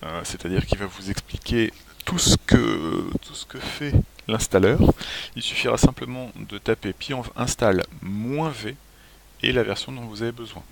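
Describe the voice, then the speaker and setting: Male tutorial presenter, lowish pitch, relaxed and halting, light hiss on the recording. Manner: relaxed, clears throat often, hesitant restarts. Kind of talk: screencast walkthrough. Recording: faint hiss.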